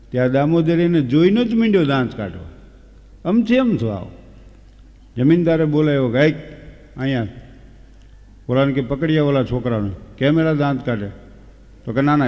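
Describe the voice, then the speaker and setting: A man with a Kathiawadi Gujarati accent telling comic folk stories on stage, animated and slipping into quick voices for the people in his tales. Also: mid-range voice. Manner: animated, switches into quick character voices for dialogue. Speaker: folk humorist. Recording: echoey hall, dull lo-fi sound.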